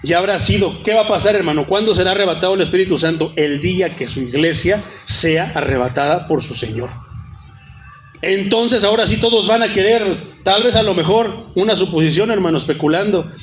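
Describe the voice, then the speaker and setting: A man's voice: high-pitched, fairly quick, a bit bright, a little hiss or hum. A man preaching a sermon, calling his listeners brother and reciting Bible references. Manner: addresses listeners as brother, cites many Bible verses. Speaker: pastor.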